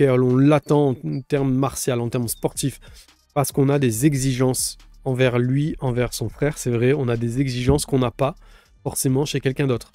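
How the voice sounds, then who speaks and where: Male podcast host, dark mellow tone, rambling enthusiastic delivery, dry close sound. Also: mid-range voice, dry recording. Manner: rambling, restarts often, enthusiastic about fighters. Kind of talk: casual solo commentary.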